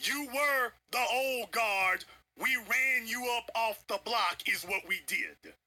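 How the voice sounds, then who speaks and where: A man's voice: very high voice, slow, pushed and bright, soft background music. A man giving a confrontational livestream commentary rant, emphatic and preachy, repeating lines for effect. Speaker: online political commentator.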